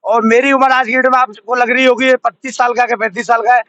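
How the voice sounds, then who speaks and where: A man's voice: very high voice, little pitch movement, fast talker, pushed and bright, no room sound, lo-fi sound. A man in his late twenties, a pilgrim answering questions in a roadside street interview, earnest and speaking at length in formal devotional phrasing. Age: 20s. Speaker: pilgrim on a long walk, interviewee. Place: roadside outdoors.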